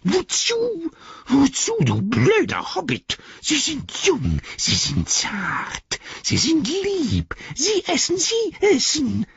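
A man's voice: very high-pitched, huge pitch swings, takes it slowly, creaky, fairly bright tone, no room sound, muffled recording, pitched above the performer's own voice, exaggerated voice. A man voicing Gollum, a wretched, greedy male creature who hisses, whines and speaks of himself in the third person. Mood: shrieking. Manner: hissing, shrieking, talks of himself in third person. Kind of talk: audiobook character voice.

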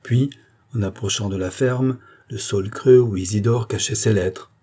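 A man reading a classic novel aloud in measured, scripted narration. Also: fairly low pitch, dark tone, husky. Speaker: audiobook reader.

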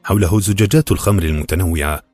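A man narrating a novel as an audiobook, in expressive, dramatic storytelling. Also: low voice, fast, soft background music.

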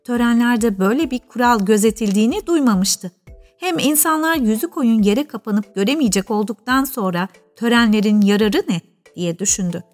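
A woman narrating a classic children's storybook in a measured, expressive reading. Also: a little high, soft background music.

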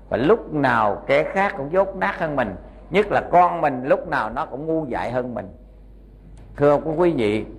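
Folksy monk preaching. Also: male voice, a little high. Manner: folksy and admonishing, with humorous anecdotes. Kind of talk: Buddhist sermon to lay followers. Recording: echoey hall with faint hum.

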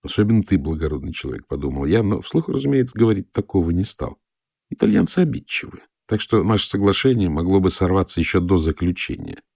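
Low male voice reading a story, calm and measured, dry close mic. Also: gravelly, no echo. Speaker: audiobook narrator. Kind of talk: first-person scripted narration.

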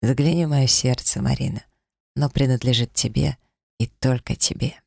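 A man's voice: medium pitch, fairly even intonation, moderate pace, gravelly, breathy edge, no room sound, clean studio sound. A man voicing a tender confident lover. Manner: soft, warm-hearted and reassuring.

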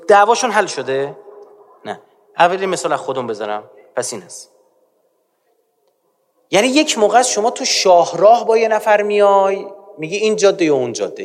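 A man's voice: high-pitched, in a large hall. A man giving an emphatic religious lecture who keeps urging his audience to listen closely. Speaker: preacher.

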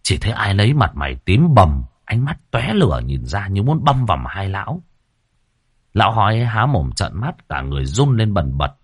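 A man narrating a comic ghost story in a lively, animated way. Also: on the low side, normal speed, husky, no echo, studio quality.

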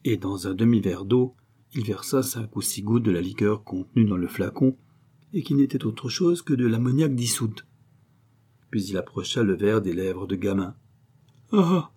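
A man narrating a classic novel aloud in a measured, even storytelling manner. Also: fairly low pitch, breathy edge. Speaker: audiobook reader.

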